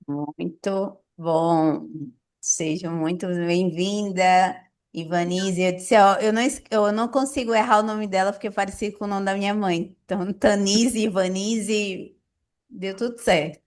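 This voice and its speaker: A woman hosting an online workshop, briskly calling on participants over a video call. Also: medium pitch, steady tone. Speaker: workshop host.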